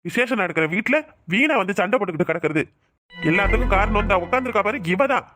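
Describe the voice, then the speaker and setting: A man's voice: high voice, animated, fast, music in the background. A man voicing a defiant young husband in a cartoon, ranting indignantly. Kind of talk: cartoon voice acting.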